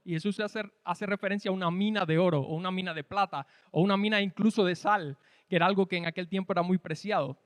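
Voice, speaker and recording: A man's voice: high-pitched, no room sound, long reverb tail. A man from Cuba with a Cuban Spanish accent, preaching a sermon in an explanatory, conversational way with rhetorical questions. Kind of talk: sermon teaching.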